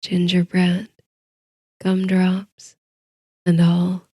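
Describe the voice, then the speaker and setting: A woman narrates a bedtime story very slowly, in a soft and soothing hush. Her voice sits on the low side and is mellow and slightly breathy. She leaves long pauses between short phrases, as a sleep story narrator does. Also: monotone, no room sound, clean studio sound. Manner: soft, hushed, soothing delivery with drawn-out pauses.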